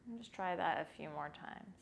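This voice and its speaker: A woman with a fairly low voice and plenty of vocal fry leads a follow-along breathing lesson. She is calm and informal and takes her time between instructions, with a little noise behind her. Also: normal speed. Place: small indoor yoga room. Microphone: lapel microphone.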